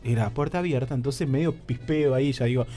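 A young man with a Rioplatense Spanish accent, telling a comic story on a radio show, animated and acting out his own lines, using crude slang. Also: medium pitch, brisk, soft background music.

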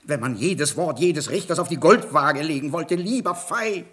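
A frightened middle-aged judge for a radio drama, stammering and pleading as his panic climbs. His voice sits fairly high and sounds husky and strained. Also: animated, moderate pace, fairly bright tone. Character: anxious, cornered middle-aged male judge. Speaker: judge Goll in a radio play.

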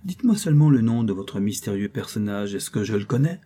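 A man's voice: lowish voice, expressive, brisk, dark tone, a little hiss or hum, lightly acted. A man voicing a proud, nervous aristocratic countess with an imperious, indignant way of questioning, in an audiobook reading. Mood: haughty. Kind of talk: audiobook character voice.

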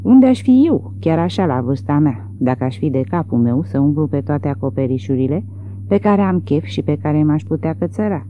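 A reader voicing a huge, enraged grown son who shouts in indignant bluster, on tinny phone-like audio. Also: mid-range voice, expressive, close to an everyday voice.

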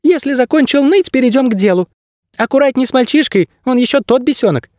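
A squeaky, thin-voiced little bird guide, smug and evasive, boasting about himself. The voice sits far above the man's own and bounces lively from word to word. It is recorded dry and close, with no room sound, like a storybook performance. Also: a little fast, no echo. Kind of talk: audiobook character voice.

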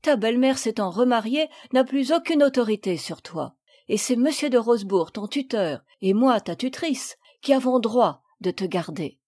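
A woman voicing a calm, motherly lady of the house in a storybook reading, firm and kind. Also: a little high, moderate pace.

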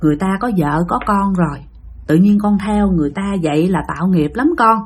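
A woman with a Southern Vietnamese accent voicing a gentle, calm older woman coaxing a spirit. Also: mid-range voice, brisk, husky, close to an everyday voice. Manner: soft, coaxing. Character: gentle old woman, calm Buddhist elder.

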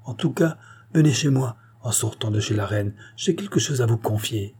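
A resigned, weary old king, read by a man, hushed and confiding. His voice is husky and mellow, sliding a little higher when he reassures. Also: animated, moderate pace.

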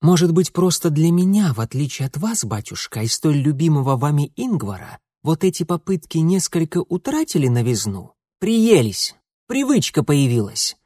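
Proud young nobleman, quick to anger, cold and biting, raised voice, dry close sound, as a narrator puts him on. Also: fairly high pitch, expressive, mellow, dry recording, pitched above the performer's own voice. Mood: angry.

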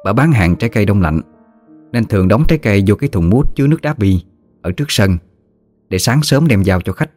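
Man, Southern Vietnamese accent, folksy story narration, slangy and teasing, lowish voice, faint music behind. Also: expressive, fairly quick, a little mellow, no room sound.

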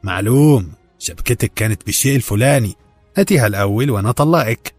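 A man voicing a stingy middle-aged Egyptian husband who speaks calmly and sarcastically, with a husky voice. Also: mid-range voice, fast, no room sound, soft background music, close to an everyday voice. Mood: cold sarcastic. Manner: calm, dismissive, sarcastic.

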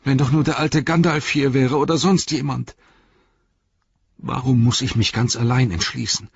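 A loyal young hobbit servant in anguish, pleading and arguing with himself, as a male reader puts him on. The voice rises high and strained over a very husky grain. The audiobook recording is dry and dull. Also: steady tone, moderate pace, no room sound. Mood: despairing.

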